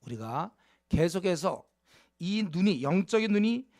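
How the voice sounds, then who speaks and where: A man's voice: high voice, sing-song, unhurried, a little mellow, no echo. A man preaches a sermon in a slightly raised voice. He urges his listeners earnestly, often stopping on fillers and asking them direct questions. The sound is close and dry, with no room around it. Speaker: pastor.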